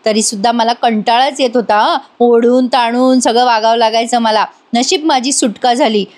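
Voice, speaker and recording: A woman's voice: fairly high pitch, steady tone, normal speed, close to an everyday voice. A woman voicing a curt, sarcastic young husband in a recap of a TV serial. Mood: dismissive.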